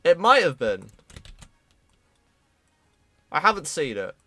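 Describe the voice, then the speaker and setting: A British man streaming his 3D modelling work, chatting casually with a friend in a relaxed, self-deprecating way and cracking dry jokes. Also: fairly high pitch, slow pace, no room sound, faint music behind. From United Kingdom. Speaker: streamer, 3D artist. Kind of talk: casual chat while working.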